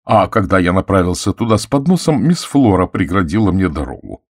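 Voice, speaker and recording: A man's voice: sits low, very animated, dry recording, studio quality, exaggerated voice. A man voicing a nervous, servile middle-aged butler who pleads and stammers, in an audiobook. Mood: pleading. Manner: pleading, stammering, slow and anxious. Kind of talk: audiobook character voice.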